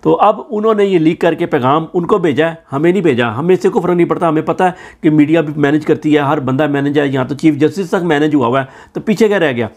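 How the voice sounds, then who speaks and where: A man's voice: a little high, fast talker, hardly any pauses, a little mellow. A man with a Pakistani Urdu accent giving sarcastic political news commentary, hosting his own channel. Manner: sarcastic, mocking.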